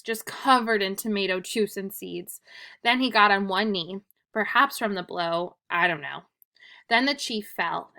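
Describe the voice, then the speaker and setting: Woman teacher, clear bright tone, steady read-aloud of a statement for students. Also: medium pitch. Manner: plain, even reading with occasional restarts and ums. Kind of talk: reading a witness statement aloud for a class.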